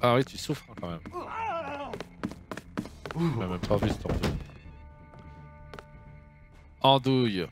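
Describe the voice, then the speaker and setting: A man's voice: medium pitch, lively intonation, slow, long pauses, soft background music. Joking French-speaking man playing a game. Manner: joking, reads game dialogue aloud in French. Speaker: let's play host. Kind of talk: casual gameplay commentary.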